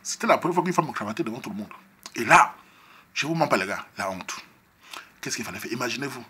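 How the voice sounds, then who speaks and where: A Cameroonian comedian with a Cameroonian French accent telling a comic story from his neighborhood, animated and acting out the scenes. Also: medium pitch, fast, a little hiss or hum.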